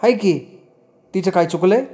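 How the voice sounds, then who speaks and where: A man's voice: high-pitched, normal speed, warm tone, pitched above the performer's own voice, close to an everyday voice. A man voicing a playful, affectionate young village woman, talking in rustic village speech in a raised voice.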